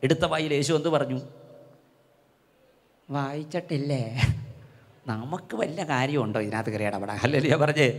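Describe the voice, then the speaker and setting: An older man preaching a charismatic sermon, telling folksy stories and calling the crowd to shout hallelujah. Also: mid-range voice, fast talker, few pauses. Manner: rousing, repeatedly calls for loud hallelujahs; storytelling, folksy and conversational. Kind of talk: charismatic sermon with call-and-response. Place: large hall at a gathering. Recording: long hall reverb.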